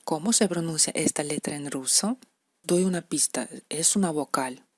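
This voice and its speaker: Woman teacher, low and husky, patient repeater of example words. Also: normal speed, no room sound. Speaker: language teacher. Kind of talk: explaining letter pronunciation to beginners.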